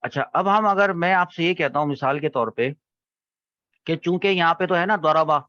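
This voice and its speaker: A man's voice: fairly high pitch, sharp tone, no room sound. A man teaching an online grammar class over a video call, patiently quizzing students step by step. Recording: dull, dry online call audio.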